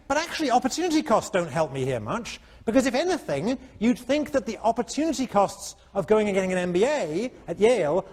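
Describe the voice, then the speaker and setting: A male economics professor giving a university lecture, animated and constantly checking in with his students. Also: sits high. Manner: animated, keeps checking in with "all right?". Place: lecture hall.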